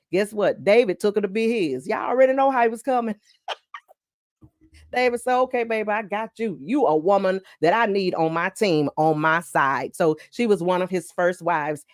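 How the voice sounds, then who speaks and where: Fast-talking woman giving an exhorting devotional. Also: on the low side, dry recording, clean studio sound. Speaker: host. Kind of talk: inspirational devotional talk.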